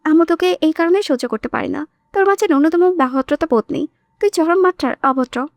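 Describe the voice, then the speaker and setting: A woman voicing a spirited, sharp-tongued young woman who talks in a lively, defiant way in an audiobook drama. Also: high-pitched, brisk, dry recording.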